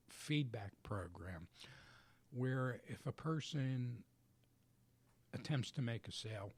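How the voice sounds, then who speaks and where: A man guest on a business radio show in a studio, explaining his coaching work in a measured, methodical way. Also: medium pitch, a little mellow, husky, no room sound. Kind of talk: radio interview answers.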